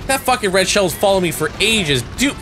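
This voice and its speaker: A man's voice: high voice, lively intonation, brisk, a bit bright, faint music behind. A playful man who swears casually while gaming with friends. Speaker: gamer.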